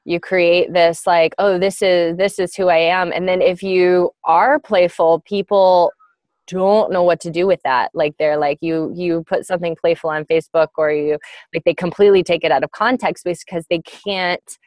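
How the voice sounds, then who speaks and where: A woman's voice: on the low side, steady tone, normal speed, a little mellow, no echo. A woman speaking earnestly in casual chat.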